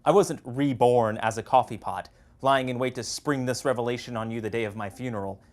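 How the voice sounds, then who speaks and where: An actor playing a flippant, wordy dead best friend haunting a coffee pot in a comedy drama. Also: male voice, medium pitch, steady tone, fairly quick, natural voice. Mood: glib, explaining. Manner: flippant, chatty, theatrically wordy. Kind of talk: comedic audio-drama dialogue.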